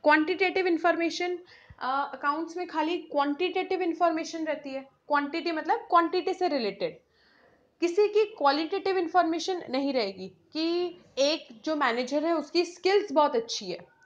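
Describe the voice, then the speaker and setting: High-pitched female teacher, step-by-step classroom explanation, muffled lo-fi audio. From India. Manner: explains step by step, often asks and answers her own questions; mixes in English terms and reads English definitions slowly. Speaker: accounts teacher. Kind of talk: classroom lecture.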